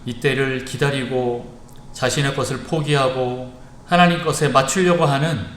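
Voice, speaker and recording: A male pastor gives an evening sermon in an echoey church sanctuary. He speaks earnestly and with emphasis, pausing often between phrases. His voice sits at a middle pitch, with a faint hiss under the room's echo. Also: steady tone, fairly bright tone. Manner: earnest and emphatic, with frequent pauses.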